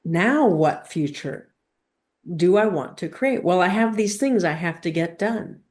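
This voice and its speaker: Fairly low-pitched and a little mellow yet animated, a woman conducts a spiritual teaching session, pausing emphatically and asking guiding questions between deliberate, halting phrases.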